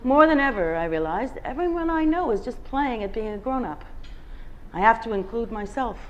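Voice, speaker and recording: A woman reads aloud from a first-person novel at a bookstore event, performing it expressively as the guest reader. Her voice is a little high, expressive, at a moderate pace. The recording is rough, with slight background noise.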